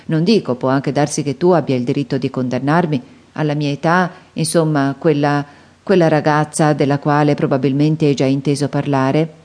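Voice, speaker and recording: Brief: meek middle-aged father, apologetic and hesitant, low and warm read by a woman for a storybook. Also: steady tone, normal speed, close to an everyday voice. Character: kindly, weak, embarrassed middle-aged father. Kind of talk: audiobook character reading.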